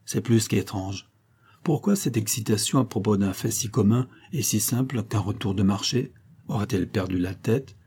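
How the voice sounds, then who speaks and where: A man's voice: medium pitch, normal speed, dark tone, a little hiss or hum, close to an everyday voice. Man reading a shy, puzzled young woman.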